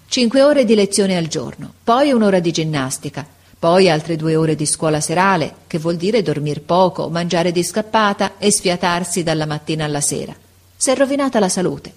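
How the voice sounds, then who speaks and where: Low-voiced woman narrating a story. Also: a little mellow. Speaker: audiobook reader. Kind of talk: scripted narration of a classic novel.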